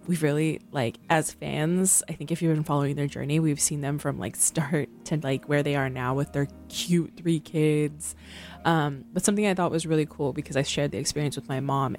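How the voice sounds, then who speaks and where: A young woman with a low voice hosts a radio show, chatting loosely between tracks. She rambles and fills her talk with ums and likes, and faint music plays behind her. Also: darkish tone. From San Francisco. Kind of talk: casual radio chat between songs.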